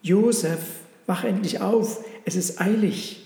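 A man voicing a gentle, urgent male angel messenger in a storybook reading, speaking earnestly. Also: high voice, slow pace, gravelly, heavily acted. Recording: roomy with long reverb.

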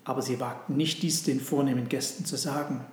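A man narrating a storybook read-aloud in a calm, even storytelling manner. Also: medium pitch, brisk. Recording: roomy echo.

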